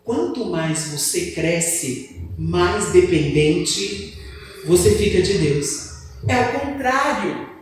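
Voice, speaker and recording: A woman preacher giving an animated church sermon and calling on the congregation to answer her. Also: medium pitch, a little hiss or hum. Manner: animated, asks the congregation for replies. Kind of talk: church sermon with call-and-response. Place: church hall. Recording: echoey hall, distant mic.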